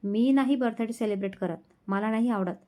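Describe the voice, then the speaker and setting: A woman's voice: fairly high pitch, a little fast, dark tone, lightly acted. A woman voicing a young husband in a romance storybook reading, speaking in an affectionate, playful way. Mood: tender. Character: young husband, tender and teasing.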